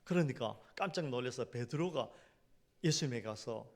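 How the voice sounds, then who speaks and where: A middle-aged male pastor preaching in a church, telling humorous stories and then building to loud, emphatic points. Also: medium pitch, lively intonation, normal speed. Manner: swings from hushed storytelling to loud emphatic preaching. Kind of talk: sermon with storytelling. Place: church sanctuary.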